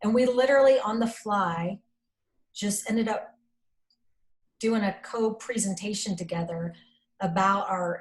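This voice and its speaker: Chatty and low-voiced, a female executive appears as an interview guest, telling casual stories with animated energy, plenty of fillers and acted-out quotes. She calls her voice strong and says she isn't shy, though the recording is low quality.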